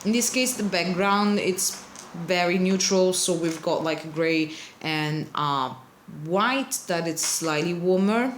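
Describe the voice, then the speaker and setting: Speaking slowly in a lowish voice, a woman with a non-native English accent leads a casual tutorial on altering cards. She's chatty and apologetic and frequently hunts for words, and there's slight background noise.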